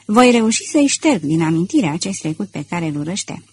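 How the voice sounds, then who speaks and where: A woman voicing a passionate, anxious middle-aged gentleman thief, with a husky voice. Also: lowish voice, sing-song, dry recording. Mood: tender, ardent. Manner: earnest, brooding, heartfelt.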